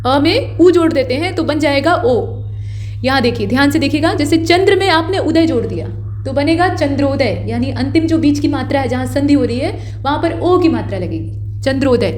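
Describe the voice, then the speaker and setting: A woman's voice: high-pitched, a little hiss or hum. A woman teaching a grammar lesson for exam preparation, explaining step by step and repeating key points.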